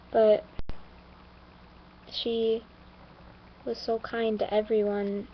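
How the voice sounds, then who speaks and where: Teen girl talking slow n halting, kinda high voice, muffled lo-fi home vid. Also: little pitch movement, a little hiss or hum. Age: teens. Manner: slow, halting, with many fillers and restarts; somber and earnest. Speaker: vlogger. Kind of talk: personal story told to camera. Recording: dull lo-fi home recording.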